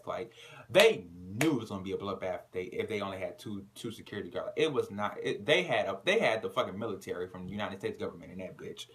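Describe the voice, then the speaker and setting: A man's voice: mid-range voice, a bit bright. A man casually recapping a reality TV episode, using slang and profanity and retelling scenes with dramatic flair. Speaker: TV recap reviewer.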